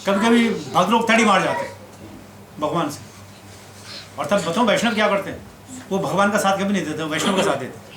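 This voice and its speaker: A man teaching scripture as a sermon, telling stories lively and acting out the quotes. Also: high voice. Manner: animated storyteller who acts out quotes. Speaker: spiritual teacher. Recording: echoey room with background noise.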